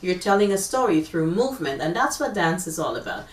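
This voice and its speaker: A woman's voice: fairly low pitch, big pitch swings, a little fast. A woman hosting a TV talk show, asking chatty questions and praising her guest. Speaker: TV host and MC. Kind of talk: interview host. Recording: echoey room, far from the mic.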